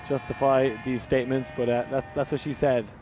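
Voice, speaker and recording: A man's voice: level tone, moderate pace, background noise. A man with an Irish accent doing live sports commentary. His voice lifts on big plays, and he chats along with fillers in between. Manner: rises in pitch and volume on big plays, chatty with fillers.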